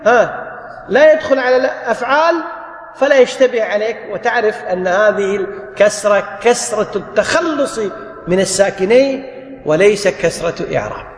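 A man's voice: sits high, expressive, normal speed. A man teaching grammar in a class, explaining step by step, repeating key points and answering his own questions. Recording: echoey hall.

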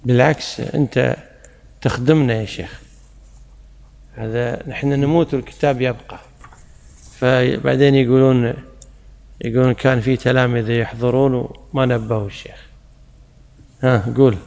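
A man teaching a traditional religious study circle, correcting a student's reading in a measured way with brief approvals and corrections. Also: medium pitch, steady tone, gravelly, a little mellow, big-room sound.

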